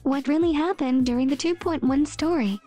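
Reading captions and short lines for a scripted meme video, this woman narrates with music playing beneath her voice. Her voice is high and mellow, at normal speed.

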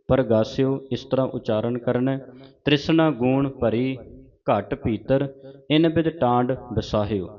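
Slow, measured Punjabi man reciting. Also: mid-range voice. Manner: recites verses line by line, pausing to correct pronunciation. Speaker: scripture recitation teacher. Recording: dull lo-fi recording.

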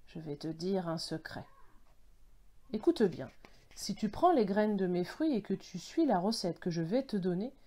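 A woman voicing a huge, gentle male baobab tree with a hoarse voice who talks slowly and plaintively. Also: mid-range voice, big pitch swings. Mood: kindly. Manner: slow and plaintive.

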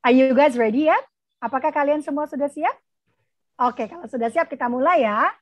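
A woman teacher with an Indonesian accent gives a lesson over the radio, speaking slowly and carefully so children can repeat after her. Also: sits high, no room sound. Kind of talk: bilingual reading lesson on radio. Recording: dull, lo-fi radio broadcast.

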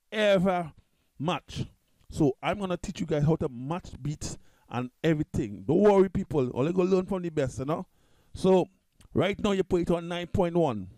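A man from Trinidad and Tobago with a Trinidadian accent gives a casual screen-recorded tutorial on music software from his computer. He speaks in a high voice with no echo, talking loosely, repeating himself and starting over a lot.

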